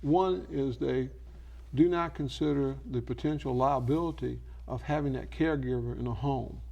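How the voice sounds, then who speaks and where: A man with a warm, gravelly, medium-pitched voice offers elder law advice in an infomercial interview at a normal speed. He explains in a didactic way, posing questions and supplying the answers himself.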